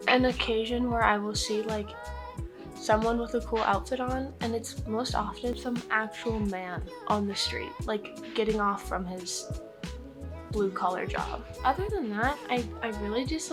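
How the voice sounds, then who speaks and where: High-pitched young American woman, candid. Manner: candid, self-deprecating, swearing freely. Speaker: vlogger. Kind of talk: casual Q&A vlog chat.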